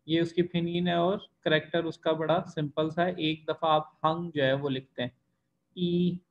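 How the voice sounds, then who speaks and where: Slow, patient man teaching a language class. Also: high-pitched, lo-fi sound. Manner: slow, patient explaining, drawing out example syllables. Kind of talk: online class lecture. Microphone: online class recording.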